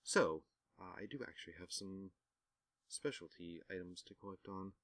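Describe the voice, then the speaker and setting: A man's voice: sits low, normal speed, a bit bright, dry recording. A man giving casual let's-play commentary on a game, with wry, self-mocking asides. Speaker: gaming commentator.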